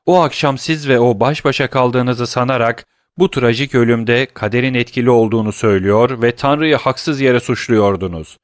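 A man's voice: mid-range voice, normal speed, hardly any pauses, dry recording, studio quality, close to an everyday voice. Man voicing Morel, an impassioned young man. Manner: urgent, accusing, pleading.

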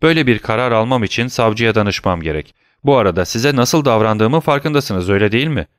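A man's voice: mid-range voice, expressive, a little fast, smooth, no room sound, studio quality, lightly acted. A man voicing a shaken, secretive middle-aged male prosecutor who speaks curtly and commandingly, then turns persuasive. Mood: stern.

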